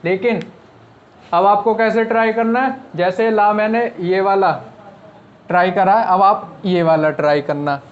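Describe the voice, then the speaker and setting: A man teaches shorthand in an online class, unhurried, his high-sitting voice heard with the highs cut off. He explains patiently step by step, asking rhetorical questions and answering them himself.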